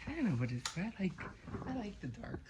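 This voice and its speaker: Middle-aged woman vlogger, toothless diction, animated intonation, loose morning chit-chat, noisy home audio. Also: quick pace. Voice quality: toothless speech, without dentures. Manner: rambling, talking low at times. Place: indoors at home, bedroom.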